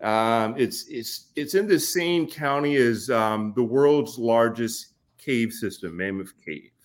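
A man in his forties from Kentucky, a podcast guest telling stories in an unhurried way with frequent ums and restarts. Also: medium pitch. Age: 40s. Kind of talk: casual podcast interview.

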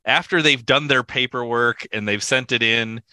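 Man, bright sharp voice, dry close recording, enthusiastic film chat. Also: medium pitch, normal speed, dry recording. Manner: enthusiastic, animated retelling. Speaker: podcast co-host. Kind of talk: casual film discussion.

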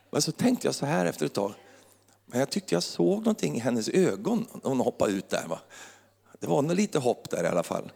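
A middle-aged man preaches in a humorous, storytelling way, chuckling along and working himself up into joyful praise. His voice sits at an ordinary male pitch. A long hall reverb trails behind every phrase. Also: gravelly, a little mellow. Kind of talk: humorous sermon testimony.

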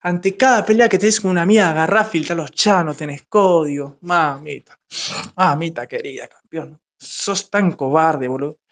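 High-voiced mocking Argentine man. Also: moderate pace, a bit bright. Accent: Rioplatense Spanish. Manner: mocking, repetitive, talks over others. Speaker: streamer in a voice-chat space. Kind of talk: heated taunting banter.

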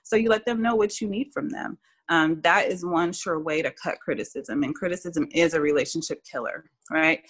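A woman guest giving casual relationship advice, talking in quick asides and acting out little lines of dialogue. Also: lowish voice, slightly rough. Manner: animated, talks in quick asides with many "like" and "you know" fillers.

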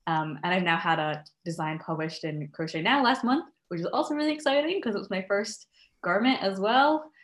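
Talkative and friendly, a young American woman appears as a podcast guest to discuss her crochet design work in casual interview chat. Full of ums, restarts, and frequent laughter, her mid-range voice is lively and brisk, echoing in the room.

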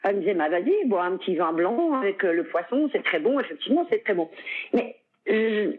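A middle-aged woman from Belgium talks as an interview guest in a loose, chatty way, full of hesitations and quick laughs. Her voice comes through narrow and tinny, like a phone call. Her pitch sits in an ordinary middle range. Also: big pitch swings. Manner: chatty, many fillers, frequent laughs. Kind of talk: casual conversational interview.

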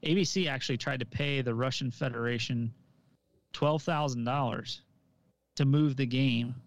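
A man with a smooth, resonant voice co-hosts a casual podcast and talks about coaching. He speaks easily, hedging his points and filling them with "like" and "um". The recording is dull and lo-fi, with a very dry sound. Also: medium pitch, moderate pace, no room sound. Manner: easygoing, hedging, fills with "like" and "um". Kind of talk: casual chat.

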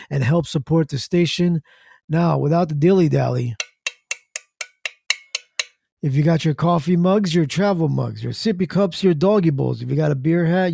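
A man hosts a casual morning podcast in a fairly high, mellow voice with plenty of gravel. His patter is playful and jokey. The sound is dry. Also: no room sound. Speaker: podcast host.

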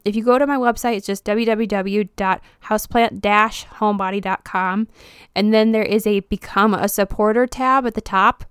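This medium-pitched, clean-toned woman hosts a solo podcast about houseplants. She talks in a chatty, informal way, full of fillers, and the studio recording is clean with no room sound.

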